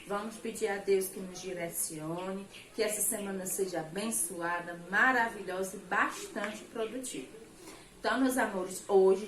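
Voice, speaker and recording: A Brazilian woman teaching a recorded children's lesson. She talks warmly to her pupils and checks their understanding often. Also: fairly high pitch. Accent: Brazilian Portuguese. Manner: affectionate, checks in with "tá certo?" often. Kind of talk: remote class lesson for children. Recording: echoey room, faint background noise.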